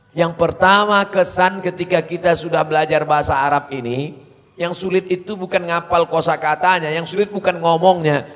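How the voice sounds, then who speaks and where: A middle-aged man preaching to students, telling stories in a lively, humorous, animated way. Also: a little high. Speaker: Islamic preacher. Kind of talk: sermon to students. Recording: long hall reverb.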